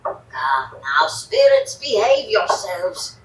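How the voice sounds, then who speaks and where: A woman playing a grandiose fortune-teller medium in a Halloween audio drama, switching between hushed whispers and commanding cries. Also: lowish voice, very animated, slow, heavily acted. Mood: pleading. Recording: echoey room, distant mic, faint noise.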